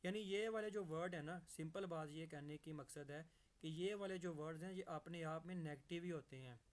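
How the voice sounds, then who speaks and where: Man teaching grammar. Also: a little high. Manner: checks in often with the viewer and reads example sentences slowly. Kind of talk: explaining grammar to viewers.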